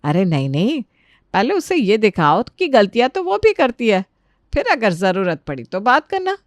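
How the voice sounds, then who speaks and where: A woman voicing a calm, wise older mother-in-law in a cartoon story, speaking in a lower, soothing, advising way. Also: moderate pace, no echo, studio quality, lightly acted.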